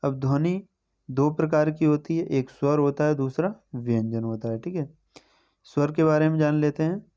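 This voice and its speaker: Man teaching grammar in a mellow voice. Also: on the high side, clean tone. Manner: explanatory, repeats "ठीक है" as a check-in; spells out sounds slowly one by one. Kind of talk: exam-prep Hindi grammar lesson.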